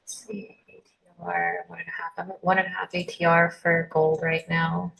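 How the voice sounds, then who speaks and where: A woman trader talks through her positions in a matter-of-fact way during a casual live stream. Her voice is low, husky and gravelly. She speaks with a flat, even tone. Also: moderate pace, low-quality recording.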